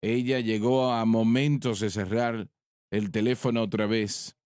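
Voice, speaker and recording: A man, a preacher on a ministry panel, telling a story in a slow, deliberate way, with pauses and restarts. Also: fairly low pitch, level tone, darkish tone, clean tone, no room sound, studio quality. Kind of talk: sermon-style storytelling in a panel discussion.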